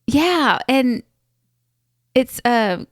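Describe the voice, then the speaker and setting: A woman's voice: a little high, very animated, extremely slow, no room sound, studio quality. A woman co-hosting a casual podcast, telling stories in a hesitant, giggly way. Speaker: podcast co-host. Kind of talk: casual chat.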